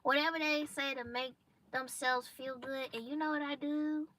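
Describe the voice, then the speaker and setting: A woman's voice: high voice, fairly even intonation, normal speed, a bit bright. A young woman vlogger giving a casual motivational monologue, emphatic and blunt with slang. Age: young adult.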